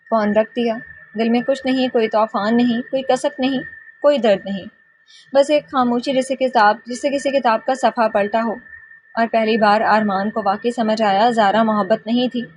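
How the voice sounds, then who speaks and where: A woman narrating a romance novel in a calm, measured way, with short phrases. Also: a little high, slight background noise, poor audio. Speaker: audiobook narrator. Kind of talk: novel reading.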